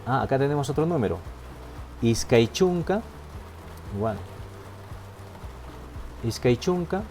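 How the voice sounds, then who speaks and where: A man's voice: medium pitch, animated, slow pace, dark tone, soft background music. A man teaching a language class online, patient and step by step, often checking in with his students. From Peru. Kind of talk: online lesson, explaining step by step.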